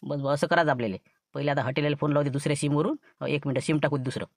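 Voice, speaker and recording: A man's voice: a little high, fairly even intonation, very fast, no room sound, studio quality, lightly acted. A man with a Varhadi Marathi accent playing a boastful schemer in a comic sketch, rambling about his plans. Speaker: scheming villager in a comedy skit.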